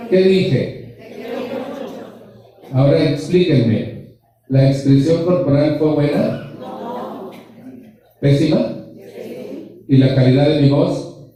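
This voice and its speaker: His voice is warm and fairly high as he gives a motivational talk at a support group anniversary. Joking and blunt, he leans on slang and rhetorical questions, and the distant mic picks up the echo of the hall.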